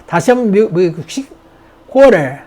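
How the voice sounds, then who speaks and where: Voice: medium pitch, sing-song, darkish tone, a little hiss or hum. A grammar teacher giving a vocabulary and grammar lecture, repeating words and asking and answering their own questions. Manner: mixes English words into slow explanations.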